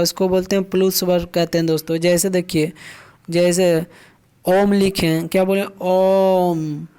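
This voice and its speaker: A man teaches a grammar lesson in a clear, smooth voice that sits high for a man. He keeps his pitch fairly level, putting questions to his viewers and answering them himself, and he repeats each key point. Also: darkish tone.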